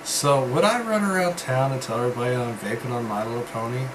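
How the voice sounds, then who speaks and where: A man talks casually as a reviewer in a home-made vlog style, at a middling pitch. His delivery rambles and halts, with frequent pauses. A clear, steady hum like air conditioning runs behind his voice. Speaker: vape reviewer.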